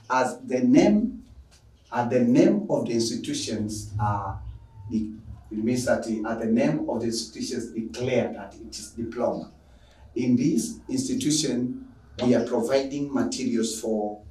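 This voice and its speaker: A Tanzanian man with a Tanzanian accent introduces an online lecture as a teacher, using emphatic, repetitive phrasing. His mid-range voice has a dark tone, captured on a distant microphone in an echoey room.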